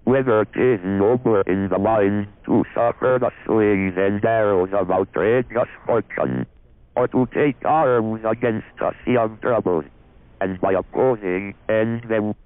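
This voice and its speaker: A computer-synthesized male robot voice, made by rule, reading demonstration sentences and a recorded phone message with a flat, mechanical delivery. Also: fairly low pitch, measured pace, no echo. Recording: dry, tinny lo-fi archival audio.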